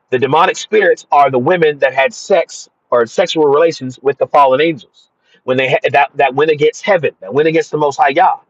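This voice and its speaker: A man hosts his own channel and delivers an earnest, preachy spiritual monologue in an informal teaching style, frequently starting his sentences over. His voice is fairly high and husky, and the recording is dry and lo-fi.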